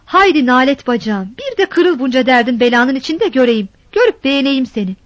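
A woman voicing a stern, rough older village woman who scolds sharply, in a dull, dry recording. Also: high voice, sing-song, brisk, no room sound. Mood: scolding.

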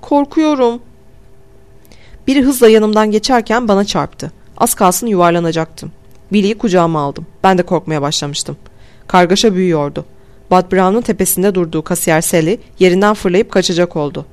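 A man calmly narrating a first-person audiobook in a measured storytelling voice. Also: sits high. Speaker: audiobook reader.

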